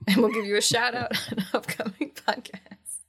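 A woman co-hosting a podcast in casual chat, animated and teasing, laughing often. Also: on the high side, normal speed, gravelly, husky. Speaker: podcast co-host.

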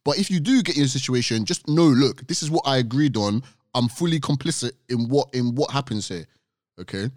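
A man's voice: mid-range voice, animated, fairly quick, a little mellow, dry recording, studio quality. A young man with a London urban accent, chatting casually on a podcast, slangy and questioning, repeating points for emphasis. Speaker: podcast co-host.

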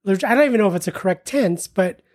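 A man's voice: high voice, lively intonation, fast talker, darkish tone. A man co-hosting a casual podcast with his wife, rambling and hesitant in easy banter. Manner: rambling, hesitant, laid-back. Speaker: podcast co-host. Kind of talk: casual chat.

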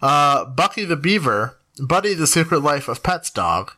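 A man's voice: on the high side, very animated, moderate pace, bright, forceful tone. A man co-hosting a casual podcast, rattling off a long list of names between laughs. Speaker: podcast co-host.

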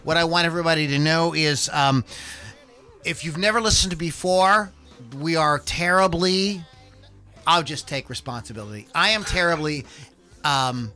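Bright-voiced man hosting a casual podcast. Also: on the high side, normal speed, clear, resonant tone. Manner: informal, rambling, self-deprecating. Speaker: podcast host. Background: background music.

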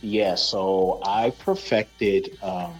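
A middle-aged man with a slight lisp tells stories in a casual chat. He is animated and restless, acting out the voices he quotes and restarting his sentences often. Faint music plays behind him. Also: deep voice, drawn-out words, low-quality recording. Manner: animated storyteller, acts out quotes, many restarts. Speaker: guest, basketball coach.

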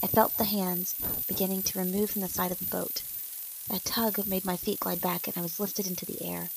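A woman's voice: medium pitch, flat delivery, brisk, vocal fry, noisy background. A woman reading a first-person story aloud and speaking the characters' lines in nearly her own voice. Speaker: narrator.

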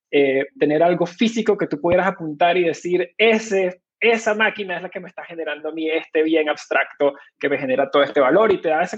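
A cofounder of a crypto company, a Venezuelan man with a Venezuelan Spanish accent, gives long conversational answers as an interview guest, full of fillers and restarts. His voice is a little high and slightly rough, and the recording has its highs cut off.

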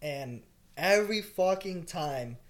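A young man co-hosting a podcast, telling a wild night story in casual, profane, animated chat with bursts of laughter. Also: on the high side, slow. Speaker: podcast co-host.

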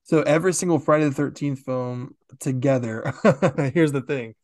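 A man co-hosts a horror podcast, chatting and laughing easily while explaining with lots of fillers. His mid-range voice has a darkish tone and a moderate pace, recorded with clean studio sound and no echo.

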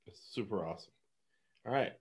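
A man's voice: fairly low pitch, animated, brisk, a little mellow. A man from Los Angeles giving casual sports betting picks, rambling and laughing often.

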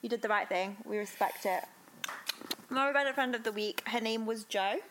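A woman co-hosting a podcast in casual chat, talking fast and loose with lots of "like". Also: on the high side, noisy background. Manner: chatty, fills speech with "like". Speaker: podcast co-host.

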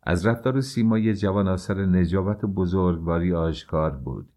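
A man narrating a classic novel as an audiobook, reading in a measured, even way. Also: sits low.

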